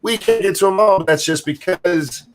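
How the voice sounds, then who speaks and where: A man's voice: high voice, moderate pace. A man co-hosting a casual online podcast while his call audio breaks up into robotic glitches. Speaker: podcast co-host. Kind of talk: casual remote chat with friends.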